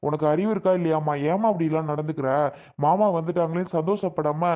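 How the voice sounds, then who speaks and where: A man's voice: fairly high pitch, fast, warm tone, muffled recording, lightly acted. A man playing a remorseful young man who pleads with his family and begs forgiveness, in a family drama skit. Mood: reproachful. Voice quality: earnest, pleading.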